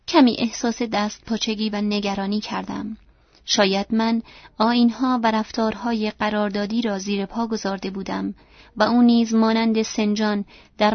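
A woman reading first-person literary narration in a soft, measured way, in a dry, dull lo-fi recording. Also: medium pitch, dry recording. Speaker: audiobook narrator.

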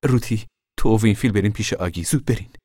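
A man doing a calm, firm mother. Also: on the low side, no room sound, clean studio sound, lightly acted. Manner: calm, firm, plain-spoken. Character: steady, firm, caring mother of a poor migrant family.

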